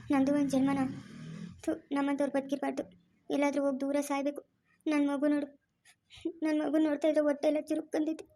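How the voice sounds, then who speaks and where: A woman's voice: sits high, warm tone, close to an everyday voice. A woman voicing a remorseful young pregnant daughter-in-law, plaintive and self-blaming.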